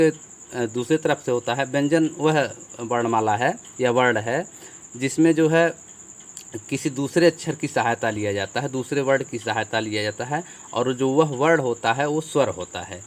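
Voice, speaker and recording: A man teaching a grammar lesson, patiently explaining, asking questions aloud and answering them himself. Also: mid-range voice.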